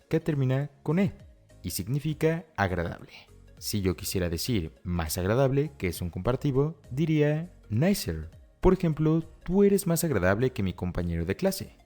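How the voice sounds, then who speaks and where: A man explaining grammar rules step by step as a teacher, reading example phrases slowly and carefully. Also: fairly low pitch. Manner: explains step by step, often repeating "si observaste bien" and "por lo tanto". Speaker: English teacher. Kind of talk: scripted Spanish-language grammar lesson. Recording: soft music underneath.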